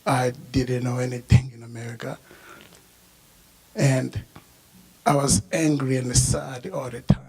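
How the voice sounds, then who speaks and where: Young Congolese-born man, slow and gravelly, halting memorial speech. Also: medium pitch, flat delivery, warm tone, rough recording. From Democratic Republic of the Congo. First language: not English. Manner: halting, many "uh" fillers. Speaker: memorial speaker. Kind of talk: personal remembrance speech. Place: memorial service hall.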